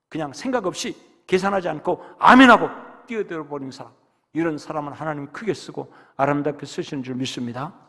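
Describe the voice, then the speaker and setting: A man preaching a sermon as pastor, dramatic, rising to loud exhortation and dropping to hushed whispers. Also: fairly high pitch. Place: church sanctuary. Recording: long reverb of a church hall.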